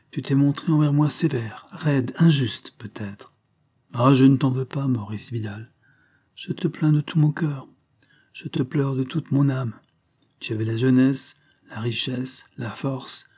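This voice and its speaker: A man's voice: medium pitch, warm tone, breathy edge, lightly acted. A man reading a grieving, tearful suspect. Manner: heartfelt, mournful, tearful pleading. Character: grieving man, once accused of murder, emotional. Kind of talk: audiobook reading of a novel.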